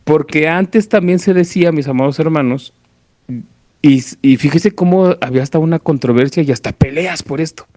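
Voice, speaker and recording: This man preaches at a church service in a Mexican accent, giving an informal, didactic sermon that includes Bible reading and frequent checks that people are following. His voice sits on the high side with a warm tone, and his pace is moderate. It's studio quality with no room sound.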